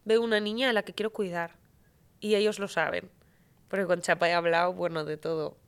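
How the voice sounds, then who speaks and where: A woman guest in a casual podcast conversation, talking in an animated, heartfelt and slangy way. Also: on the low side, brisk, clear, resonant tone. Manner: animated, emotional, slangy, often says "tío".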